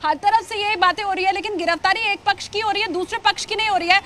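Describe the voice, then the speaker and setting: A woman's voice: extremely high pitch, steady tone, quick pace, bright, forceful tone, slight background noise. A woman news anchor hosting a heated TV debate on location, interrupting and pressing her guest insistently. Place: on location at a police station.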